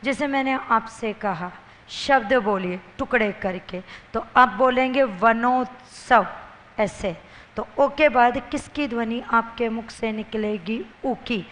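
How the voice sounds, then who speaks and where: A woman teacher giving an exam-prep grammar lecture. She asks questions and answers them herself, and drawls words out syllable by syllable. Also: on the high side. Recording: long reverberant room echo.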